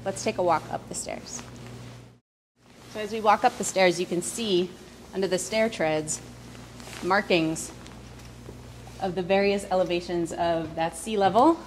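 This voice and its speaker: A woman's voice: fairly low pitch, a little slow, long pauses. New woman leading a walking tour. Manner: friendly explanatory walking talk. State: slightly out of breath. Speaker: tour guide. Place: outdoors on a city street and inside a visitor center. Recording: noisy street ambience with traffic.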